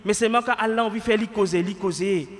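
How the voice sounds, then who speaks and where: Speaking quickly in a high voice, a Mauritian Creole-accented imam in his thirties leads a Friday sermon, and a long reverb tail follows his words. He is indoors in a mosque prayer hall with a stand mic near his mouth. His delivery mixes impassioned rhetorical questions with Arabic recitation.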